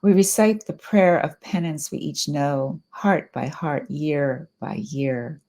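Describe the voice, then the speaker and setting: A middle-aged woman reads her poems aloud in a low, gravelly voice. She is reflective and unhurried, with some asides between poems. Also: warm tone. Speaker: poet. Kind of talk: poetry reading.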